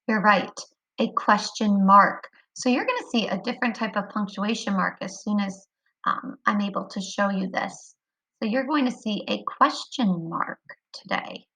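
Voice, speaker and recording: A woman teaching a kindergarten phonics lesson online, speaking clearly and encouragingly to young children. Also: medium pitch, a little slow, bright, forceful tone, poor audio.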